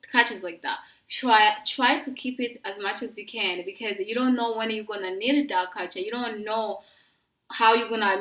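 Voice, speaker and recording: A woman's voice: medium pitch, a bit bright. A young woman from East Africa talking casually to her viewers, rambling with many restarts and fillers. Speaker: vlogger. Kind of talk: casual talk to camera. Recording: roomy sound from a distance.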